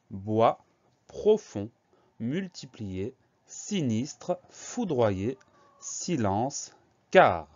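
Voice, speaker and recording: A man with a fairly low voice gives a spelling lesson for young pupils, breaking each word into syllables and spelling every letter with patience. The recording is somewhat muffled and lo-fi. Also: a little mellow. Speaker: teacher.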